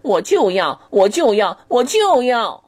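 A man's voice: extremely high pitch, big pitch swings, unhurried, husky, voice pushed up, exaggerated voice. A man putting on a whiny spoiled brat president. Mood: stubborn tantrum. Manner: whining, stamping demands. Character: spoiled bratty boy president, whiny and demanding.

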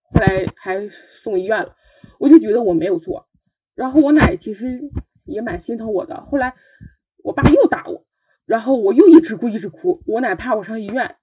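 Young woman, breathy husky voice, telling her own story kinda haltingly, muffled lo-fi audio. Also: medium pitch. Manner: earnest, halting, with frequent restarts. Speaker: podcast guest. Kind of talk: personal storytelling. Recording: dull lo-fi recording.

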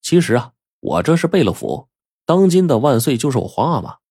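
A man playing a shrewd young prince, jovial and scheming, lively swooping pitch, husky, chuckling. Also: fairly quick, no echo, clean studio sound, heavily acted. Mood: sly, confiding. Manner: laughing, confiding, playful.

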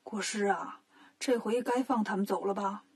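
A woman's voice: medium pitch, normal speed, slightly rough, pitched below the performer's own voice. A woman voicing a short-tempered male king in a children's story who blusters and grumbles. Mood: weary.

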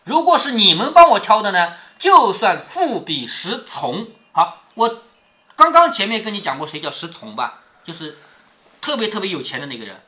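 A man's voice: high voice, wildly swooping pitch, moderate pace, pushed and bright. A man reading a classic novel aloud to his daughter, stopping to explain it in a chatty way and often checking that she follows. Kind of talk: read-aloud storytelling with explanations.

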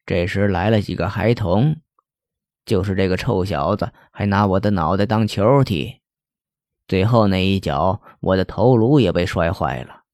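A man voicing the ghost of a starved old-time male scholar who speaks in a bookish, lamenting, measured way. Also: deep voice, darkish tone, no room sound, clean studio sound. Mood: aggrieved.

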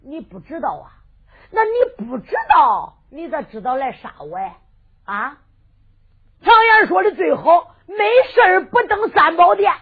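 A woman with a Henan accent voicing a boastful, defiant young male hero, speaking more quietly and mockingly. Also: high voice, expressive, measured pace. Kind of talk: sung storytelling with dialogue. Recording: tinny lo-fi recording with faint fiddle music.

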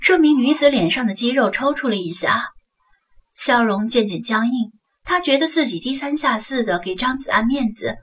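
A woman narrating a novel as an audiobook with even, steady storytelling. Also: on the high side, normal speed, husky, far from the mic, soft background music.

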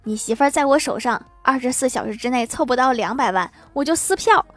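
A blustering male kidnapper barks hammy threats in a joke story, voiced by a woman. He comes out loud and higher than a man's voice would be. Faint music hums behind him. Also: animated, fairly quick, no room sound. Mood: threatening.

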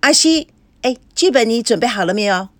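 A woman voicing a bossy, sharp-tongued young woman who leads the group and scolds them. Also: fairly high pitch, expressive, brisk, dry recording, natural voice. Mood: bossy scolding. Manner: scolding, commanding.

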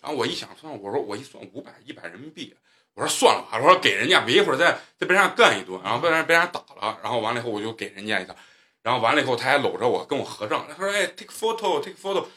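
A man hosts a casual podcast, telling travel stories in a boisterous, profane, joking way. His mid-range voice is expressive, very fast, pushed and bright.

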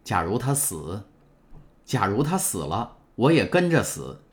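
A man's voice: low voice, expressive, moderate pace. A man reading an audiobook, voicing a jealous, brooding young man in a tense, intense way. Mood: bitter.

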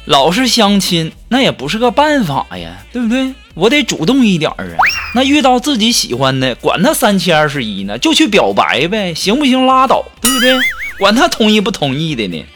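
A man's voice: high-pitched, wildly swooping pitch, fairly quick, few pauses. A man performing a comic monologue, telling his jokes in a chatty storytelling way and slipping into other people's voices. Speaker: comedian. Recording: music playing behind.

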